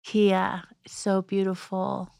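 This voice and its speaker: A woman hosts a podcast interview in an unhurried, gentle, affirming way. Her pacing is very slow. The recording is dry and close, with no room sound. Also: medium pitch, monotone, gravelly, smooth, no echo. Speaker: podcast host. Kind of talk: conversational interview.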